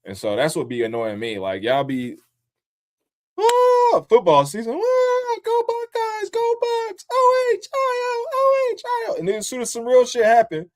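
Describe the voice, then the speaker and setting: Man, casual livestream host, profane, animated, jumps up into mocking squeals. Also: very high-pitched, unhurried. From born in upstate New York, raised in the DC area. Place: home in Columbus, Ohio.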